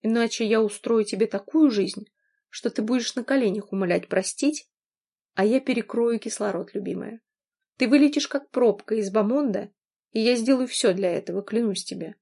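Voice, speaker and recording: A woman's voice: fairly high pitch, normal speed, gravelly, dark tone, slightly rough. A woman reading an audiobook, voicing a furious wealthy man who swears and growls. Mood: threatening.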